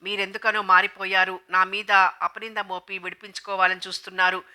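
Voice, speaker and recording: A frightened young wife pleads and protests against her husband's accusations in this storybook reading. A woman narrating the novel voices her. The voice is bright and sharp, with a desperate edge. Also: mid-range voice, level tone, a little fast. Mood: pleading. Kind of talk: audiobook dialogue reading.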